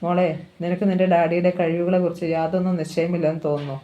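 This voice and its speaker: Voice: mid-range voice, flat delivery, fast talker, warm tone, muffled recording, lightly acted. The narrator voicing a scheming, wealthy middle-aged father in a novel reading, cold and commanding.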